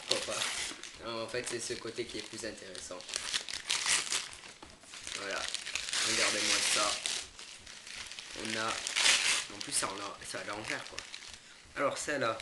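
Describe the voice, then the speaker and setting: A young man casually unboxing products for his channel, hesitant with many fillers and self-corrections, indoors away from home. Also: medium pitch. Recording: echoey room, noisy background. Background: crinkling packaging and clicks.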